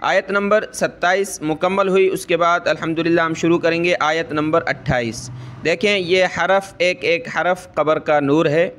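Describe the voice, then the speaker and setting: A man teaching Quran recitation. He explains each rule slowly, checks in with "ठीक है" over and over, and chants the verses long and drawn out. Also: a little high, fairly even intonation, fairly bright tone. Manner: says "ठीक है" often to check the listener. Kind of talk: Quran tajweed lesson.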